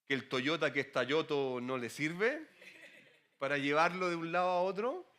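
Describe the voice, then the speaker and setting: A middle-aged male pastor giving a conversational, animated sermon with frequent asides to the congregation. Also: a little high, normal speed.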